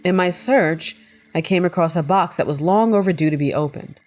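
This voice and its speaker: A woman's voice: fairly low pitch, moderate pace, a little mellow. A chatty woman with a slightly congested voice, commenting casually on a game as she plays, reading its text aloud and poking fun at herself. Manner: chatty, self-mocking, often laughing. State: slightly congested from a recent cold. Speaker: gameplay video host.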